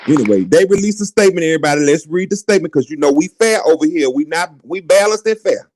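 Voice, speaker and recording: A man hosting a casual live stream, talking in an animated, mocking way and repeating his phrases for effect. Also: a little high, fast, raised voice, over a noisy crowd, very noisy.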